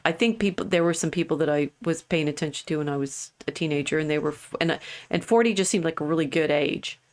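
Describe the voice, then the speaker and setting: She has a deep voice and talks fast, a woman in her sixties sharing co-hosting duties on a livestream. The chat is casual and meandering, with many restarts along the way.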